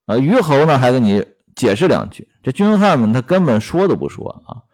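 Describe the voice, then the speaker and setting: A man's voice: mid-range voice, sing-song, fairly quick, a little mellow. A man retelling a classic novel episode and commenting on it, with frequent fillers and rhetorical questions. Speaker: storyteller and commentator. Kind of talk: storytelling with workplace commentary.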